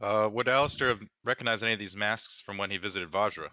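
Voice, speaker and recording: Low, bright male player, dull recording. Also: fast talker, dry recording. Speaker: tabletop game player. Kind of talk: casual in-game chat.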